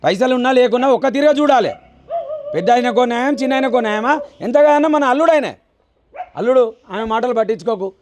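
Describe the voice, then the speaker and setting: A man with a Telangana Telugu accent acting as a father-in-law in a village comedy, pleading rapidly. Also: very high-pitched, expressive, a little hiss or hum.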